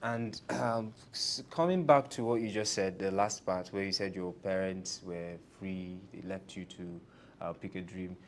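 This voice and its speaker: A man's voice: steady tone, unhurried, hardly any pauses. A man hosting a casual interview as the interviewer, often chiming in with short affirmations. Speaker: interviewer and host. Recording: rumbly background noise.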